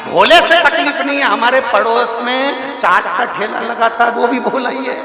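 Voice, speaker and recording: A man voicing a stubborn, grumbling middle-aged husband who loudly refuses again and again, heard in an echoey hall with music behind. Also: very high-pitched, moderate pace, pitched above the performer's own voice. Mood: defiant. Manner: loud, defiant, insistent refusals.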